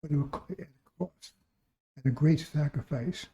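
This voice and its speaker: Hoarse, very muffled-toned male preacher. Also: fairly high pitch, measured pace, mellow. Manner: exhorting, repetitive, with rhetorical questions. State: recovering voice. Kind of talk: sermon.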